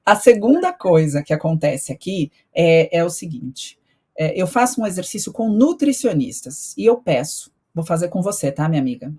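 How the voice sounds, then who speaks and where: A woman's voice: fairly low pitch, big pitch swings, moderate pace, a little mellow, slightly rough. A woman who teaches eating behavior, talking in a teacherly way and guiding listeners through a reflection exercise on a podcast. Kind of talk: casual podcast conversation.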